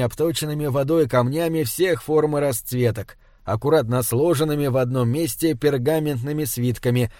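A man narrating a fantasy audiobook in a steady, even reading style. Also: mid-range voice, no room sound, studio quality. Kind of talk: scripted narration.

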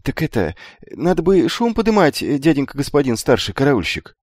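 A man's voice: fairly high pitch, sing-song, normal speed, darkish tone, dry recording, clean studio sound, pitched above the performer's own voice. A man voicing a timid, naive teenage boy on guard duty, speaking hesitantly, in an audiobook. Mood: puzzled.

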